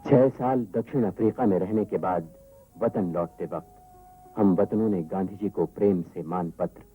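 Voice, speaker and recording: Deep husky man on old worn tape. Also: phone-quality sound, faint music behind. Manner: measured, formal delivery. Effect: old worn tape recording. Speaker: documentary narrator. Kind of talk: scripted documentary narration.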